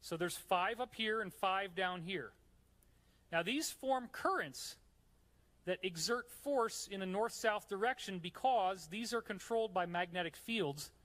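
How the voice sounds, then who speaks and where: A man's voice: high-pitched, measured pace, a bit bright. A man from New York giving a live lecture with slides in a hot room, explaining eagerly and chatting to the audience between points. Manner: enthusiastic, chatty asides to the audience. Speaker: conference speaker.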